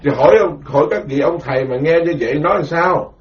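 Animated monk, lo-fi. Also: male voice, on the high side, a little fast. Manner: rambling, animated storytelling with quoted voices. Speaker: Buddhist monk giving a dharma talk. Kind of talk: informal spoken sermon. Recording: dull lo-fi recording.

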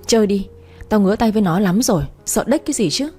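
Woman doing a crude bossy girlfriend, teasing, mellow breathy tone, faint music. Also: medium pitch, lively intonation, fast talker. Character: brash loud-mouthed young woman best friend.

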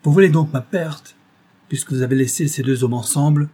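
The desperate, imperious noblewoman of an audiobook, as a male reader puts her on, sharp and scornful in every phrase. Her voice is mellow and low-toned, with a husky edge. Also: fairly even intonation, normal speed, lightly acted. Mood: angry. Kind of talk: audiobook reading.

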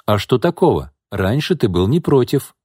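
A man voicing a drunken, pushy middle-aged businessman in an audiobook, needling, bitter and rising into angry shouts. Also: medium pitch, sing-song, normal speed, slightly rough, no echo, clean studio sound. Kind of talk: audiobook character reading.

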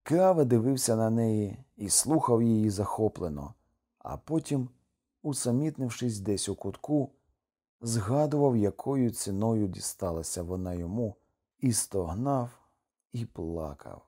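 A man narrating a literary audiobook in an even, measured storytelling manner. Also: on the low side.

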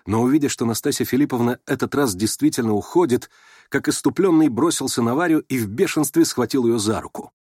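A man narrating a classic novel in a steady, measured audiobook reading. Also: medium pitch, husky, no echo, studio quality.

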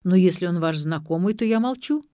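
A woman's voice: on the low side, animated, a little fast, warm tone, dry recording, studio quality, natural voice. A woman voicing a pompous young man who lectures and shows off his learning. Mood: self-assured. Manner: pedantic, showing off.

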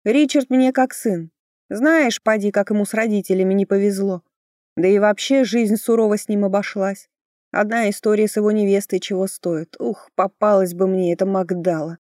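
A woman's voice: medium pitch, fairly even intonation, normal speed, warm tone, no echo, clean studio sound, close to an everyday voice. A woman reader voicing a bossy, buxom, motherly older woman who scolds and threatens in a folksy way. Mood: fond. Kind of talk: audiobook character voice.

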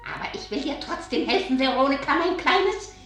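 An actress playing a gaunt, spiteful old witch in a radio play, with a croaking, cackling voice and theatrical drawn-out words. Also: high voice, animated, fairly bright tone, faint music behind. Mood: coaxing, scheming. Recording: echoey, roomy sound.

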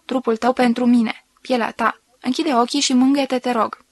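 A woman voicing a sensual woman who slowly and softly reads out an intimate love letter. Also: a little high, steady tone, no room sound. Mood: intimate, tender. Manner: slow, soft, intimate reading.

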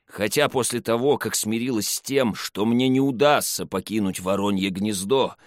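A man voicing a stern old village herbalist woman who talks curtly and hoarsely in an audiobook. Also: on the low side, no echo, clean studio sound, lightly acted. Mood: weary. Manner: curt, slow and commanding.

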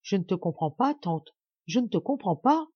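A woman's voice: medium pitch, very animated, normal speed, breathy edge, dry recording, muffled recording. A woman reading a novel aloud, voicing a proud and cunning young noblewoman who speaks coldly and with control. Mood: bewildered. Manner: cold and controlled, then coaxing.

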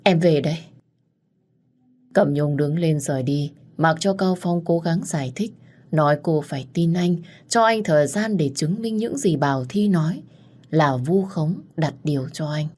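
A woman narrating a romance audiobook in a steady, even reading. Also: low voice, moderate pace.

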